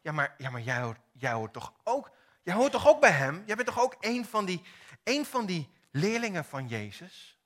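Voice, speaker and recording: A man voicing a pushy bystander who insists and repeats accusations loudly in a retold story. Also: sits high, sing-song, normal speed, pitched above the performer's own voice. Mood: accusing. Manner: insistent, repeats itself, loud.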